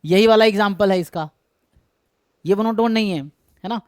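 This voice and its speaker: A man's voice: high voice, normal speed, a little mellow, clear, resonant tone, dry recording, clean studio sound. A man with an Indian accent teaching a live online math lecture, explaining step by step and quizzing his students.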